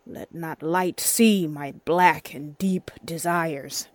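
A woman playing a brooding, ambitious warrior lord in a Shakespearean drama, measured and grave. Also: low-pitched. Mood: dark, secretive. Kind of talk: dramatic Shakespearean verse acting.

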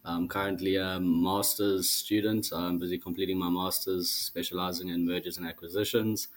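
A young man in his twenties introducing himself as a guest on a casual podcast, in a measured way with some fillers. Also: low voice, little pitch movement. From South Africa. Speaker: guest, project team member.

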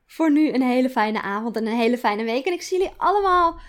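A woman's voice: fairly high pitch, quick pace, darkish tone. Woman reading her own story aloud. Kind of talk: storytelling narration.

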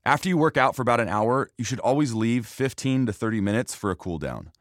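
Lively male podcast host, scripted narration. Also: medium pitch, fast, dry recording, studio quality.

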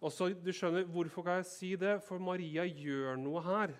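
A man's voice: sits high, clean tone. A man preaching a sermon with a slightly raised voice. He reads the scripture passage first, then shifts into a chatty explanation and keeps asking the congregation whether they follow him. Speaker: pastor.

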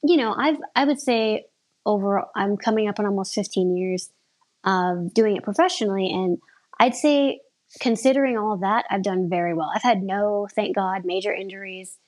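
A woman's voice: medium pitch, moderate pace, a little mellow. A woman in her thirties, an aerial performer, chatting casually in an interview. She rambles and often restarts her sentences.

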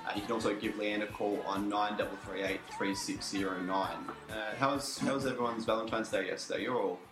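A man's voice: fairly low pitch, fairly even intonation, brisk. Echoey Australian man hosting, faint music behind. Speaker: podcast host. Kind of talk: casual football podcast hosting. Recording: echoey, tinny computer microphone.

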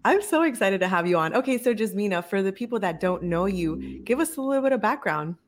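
A woman's voice: medium pitch, expressive, fast talker. A woman hosting a podcast interview, upbeat and enthusiastic as she welcomes and questions her guest. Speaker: podcast host.

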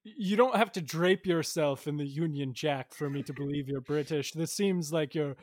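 A man's voice: a little high, normal speed. A man playing a flustered, exasperated customer in an improv comedy scene. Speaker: improv performer.

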